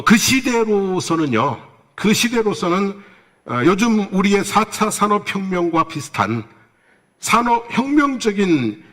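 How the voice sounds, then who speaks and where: A man's voice: high voice, fairly bright tone. A man preaching a Sunday sermon as pastor, who asks his congregation questions and answers them himself, with playful asides. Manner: tells jokes with playful asides.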